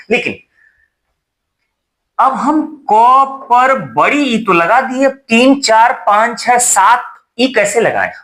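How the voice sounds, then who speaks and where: A man's voice: high-pitched, a bit bright. A young man teaching a Hindi exam-prep lesson at a board, repeating key terms and checking with rhetorical questions.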